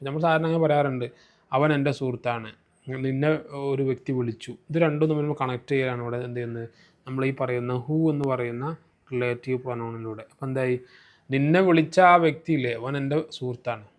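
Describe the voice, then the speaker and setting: A man teaching Arabic grammar in a recorded lesson, slowing down to spell out terms and repeating key points. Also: mid-range voice, steady tone.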